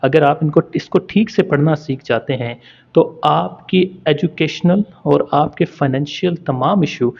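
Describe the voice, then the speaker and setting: A man's voice: on the high side, creaky, a little mellow. A man teaching Arabic letter pronunciation in a spoken lesson, patiently stretching out each sound for practice. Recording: dull lo-fi recording.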